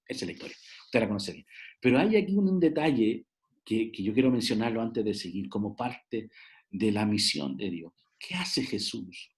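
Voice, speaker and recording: A man's voice: fairly low pitch, expressive, moderate pace. A man teaching a theology class in a preaching style, emphatic and speaking directly to his listeners, with frequent hesitant restarts. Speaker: theology professor.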